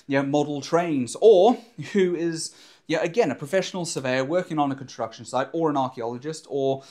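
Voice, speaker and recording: A young man with a somewhat high voice speaks a little fast, rambling enthusiastically to camera with lots of fillers, restarts, and animated hand gestures. He's a maker and drone surveyor vlogger, recorded on a clip-on lapel mic in a home studio in front of a backdrop.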